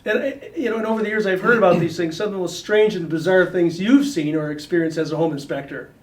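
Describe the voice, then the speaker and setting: A man's voice: sits high, fast talker. A man hosting a casual interview, upbeat and playful as he asks his guest questions. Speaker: podcast host.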